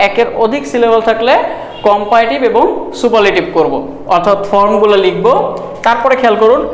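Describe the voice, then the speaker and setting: A man teaching a grammar lesson at a board, explaining step by step and slowly repeating words to count their syllables. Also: high voice. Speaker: English teacher. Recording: echoey room.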